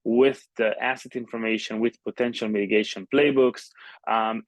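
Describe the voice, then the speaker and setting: A man presenting a software sales pitch as a product demo walkthrough, explaining things in a halting way with frequent pauses. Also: no room sound.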